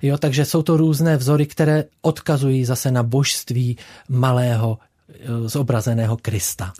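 A man's voice: medium pitch, level tone, warm tone. A man who paints icons, a radio guest explaining patiently with many hesitations and filler sounds, in a studio.

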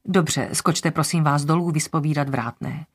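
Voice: mid-range voice, close to an everyday voice. A narrator voicing a businesslike woman lawyer investigating a death, giving polite orders. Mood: brisk. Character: brisk woman investigator, lawyer, matter-of-fact.

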